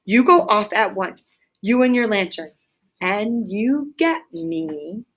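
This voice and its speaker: A woman voicing a hearty, masterful male rat from a storybook, with a brisk, commanding and exclamatory manner. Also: medium pitch, lively intonation.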